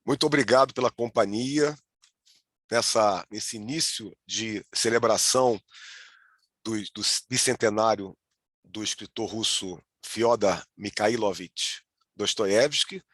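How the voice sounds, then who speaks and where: A man's voice: on the low side, a little slow, a bit bright, no echo, clean studio sound. A man with a Brazilian accent giving an online lecture as a virtual tour guide, often restarting words and checking in with the audience. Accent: Brazilian Portuguese. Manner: hesitant, with frequent restarts and "né?" checks.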